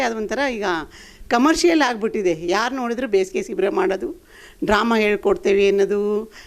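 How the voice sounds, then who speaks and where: A woman's voice: medium pitch, a little mellow. Older woman speaking off the cuff, blunt opinions, ordinary mid-range voice. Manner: frank, opinionated, plain-spoken. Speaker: guest speaker. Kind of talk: impromptu talk.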